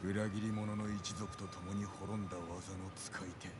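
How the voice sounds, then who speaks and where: Actor as a stern, low-voiced samurai man. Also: flat delivery, a little fast, lightly acted. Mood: stern, challenging. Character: stern adult male samurai, guarded and resolute. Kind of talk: dramatic video game acting in Japanese. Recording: noisy game audio with ambience.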